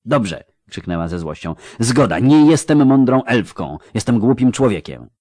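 A man's voice: medium pitch, big pitch swings, normal speed, warm tone, dry recording. A man voicing a proud, angry young woman who protests in heated, indignant outbursts.

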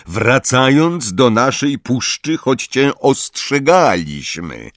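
A hostile centaur sneers out slow, contemptuous words , as a male narrator puts him on. His pitch swings widely. The sound is dry and close. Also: very animated, a bit bright, no echo. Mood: scornful. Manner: contemptuous, interrupting.

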